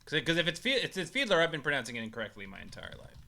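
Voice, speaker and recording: A man in a casual podcast chat, throwing in quick joking asides. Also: on the high side, big pitch swings, vocal fry, pushed and bright.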